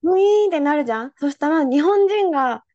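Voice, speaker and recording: A young woman hosting a podcast, chatting casually and telling animated stories, acting out the people she quotes. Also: high voice, fairly quick, no room sound, lo-fi sound. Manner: animated storyteller, acts out quotes. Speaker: podcast host. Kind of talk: casual chat.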